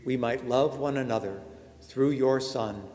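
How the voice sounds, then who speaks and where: A man, a priest, reciting the prayers of Mass in a measured, solemn way, his voice ringing with a cathedral echo. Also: medium pitch, a little mellow. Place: large church. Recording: long cathedral reverb.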